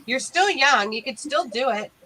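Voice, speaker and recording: Playful woman in her forties, bright voice, pitch jumping all over, teasing the host. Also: expressive, moderate pace, a little hiss or hum, low-quality recording. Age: 40s. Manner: playful and teasing, laughs easily. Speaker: guest in the chat. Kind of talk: casual chat.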